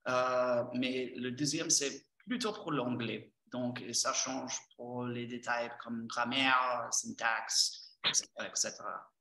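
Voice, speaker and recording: A man with an American accent in French, a native English speaker, gives an informal presentation of courses. His delivery is slow and halting as he searches for words. The voice is bright and forward in tone, caught at a distance in an echoing room. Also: mid-range voice, steady tone, vocal fry. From Texas, United States. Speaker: teacher trainer presenting courses. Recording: roomy echo, distant from microphone.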